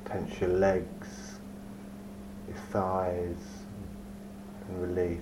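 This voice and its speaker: Slow, soft-spoken man guiding a meditation. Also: sits low, monotone. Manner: slow, soft, soothing delivery with long pauses. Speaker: meditation guide. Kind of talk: guided meditation. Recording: dull lo-fi recording with faint hum.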